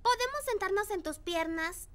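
Peppa Pig, squeaky little girl pig. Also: animated, normal speed, fairly bright tone, a little hiss or hum. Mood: eager. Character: little girl pig, cheerful, eager and bossy. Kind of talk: children's cartoon dub.

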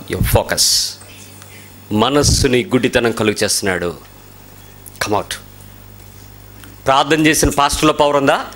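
A preacher with a Telugu accent delivers a sermon full of rhetorical questions, lurching from loud outbursts to quiet asides.

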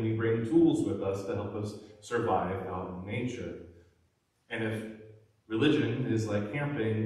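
A man in his thirties, a pastor with a stuffy nose, giving a measured, deliberate sermon from a pulpit in a large church. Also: lowish voice. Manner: measured, deliberate preaching with lists and emphasis. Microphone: far camera, pulpit. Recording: very echoey sanctuary, distant mic.

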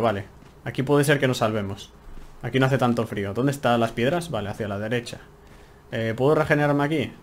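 A man's voice: mid-range voice, slight background noise. Chatty man with a Spain Spanish accent. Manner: chatty, exclaiming, talks to himself while playing. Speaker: gameplay streamer. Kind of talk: casual let's-play commentary.

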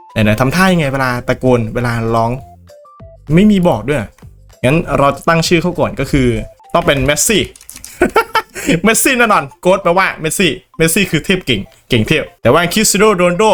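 A playful young man giving casual game commentary, laughing often and slipping into squeaky voices. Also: fairly bright tone. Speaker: gaming YouTuber.

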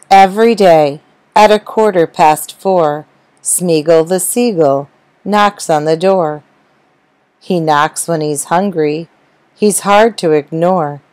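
A woman narrating a rhyming children's story, gentle and rhythmic. Her voice sits low and moves at an unhurried pace. The recording is dry and close. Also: no room sound, poor audio. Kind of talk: children's story reading in rhyme.

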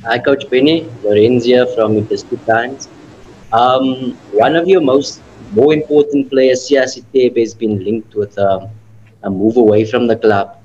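A man's voice: medium pitch, fairly even intonation, unhurried, a little mellow, muffled recording, a little hiss or hum. A man, a newspaper journalist, asking a hesitant question at a press conference, with many ums.

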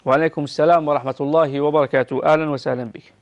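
Brief: Algerian male recitation teacher, slightly high and gravelly, patient and exacting, muffled broadcast sound. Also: fairly even intonation, very fast. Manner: patient, explains rules and models pronunciation. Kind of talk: correcting recitation on a call-in show.

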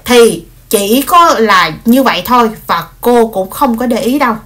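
A woman's voice: on the high side, a little slow. Chatty woman telling a story. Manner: animated, frequent fillers and repeated words. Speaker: vlogger retelling a story. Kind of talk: casual spoken storytelling.

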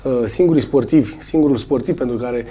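A swimming coach, hoarse a cold, answering in a studio interview with many hesitations. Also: male voice, medium pitch, warm tone.

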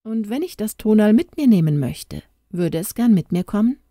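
A woman reading the lines of a kind middle-aged gentleman in a storybook, speaking softly and tenderly. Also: medium pitch, very animated, moderate pace, no room sound, clean studio sound, voice pushed up. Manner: soft, tender speech.

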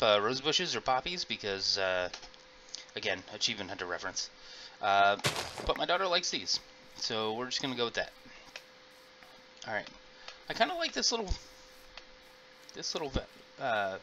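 A man's voice: mid-range voice, sharp tone. A middle-aged man casually commenting on his game as he plays, rambling and chatting to his viewers. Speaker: gaming video host. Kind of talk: casual let's-play commentary. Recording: noisy home mic recording.

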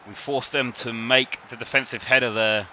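A man livestreaming a football video game, giving chatty, excited live commentary and reacting loudly to the play. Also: medium pitch, moderate pace, a little hiss or hum. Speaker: gaming livestreamer. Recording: slightly dull stream audio with game music. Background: game music.

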